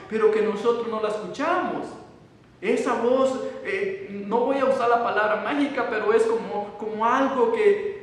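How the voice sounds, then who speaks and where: A man with a strikingly high voice gives a sermon and reads scripture aloud. He speaks haltingly, doubling back on his words. His voice sounds distant, with long reverb from a large hall. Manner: halting, repeats words and restarts often. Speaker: preacher. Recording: echoey hall, voice from far off.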